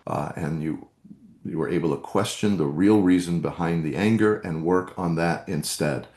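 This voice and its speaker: A man's voice: low voice, normal speed, darkish tone, reverberant. A man hosting a live meditation workshop, coaching earnestly and reading out chat comments.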